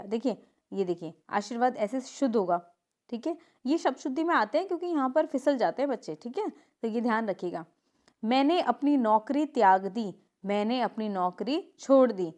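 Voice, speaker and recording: A woman teaching a grammar lesson, reading example sentences and correcting them with quick asides. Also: a little high.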